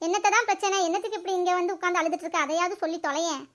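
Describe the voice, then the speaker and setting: A woman voicing a sharp-tongued, gossiping adult village woman in a cartoon. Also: very high-pitched, heavy background noise. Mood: mocking. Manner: scolding, quick and mocking. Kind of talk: cartoon voice acting.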